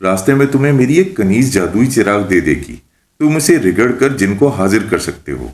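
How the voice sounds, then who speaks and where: A man's voice: fairly low pitch, lively intonation, darkish tone, natural voice. A man voicing a teasing, bossy female witch spirit who mocks and makes demands. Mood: pleased. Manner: mocking, playful, demanding. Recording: roomy echo.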